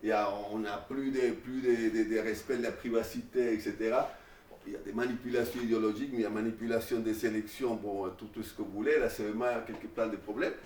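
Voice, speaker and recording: A man giving an informal classroom lecture, animated, with many restarts and fillers. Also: lowish voice, fast, a little hiss or hum. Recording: echoey room, mic far away.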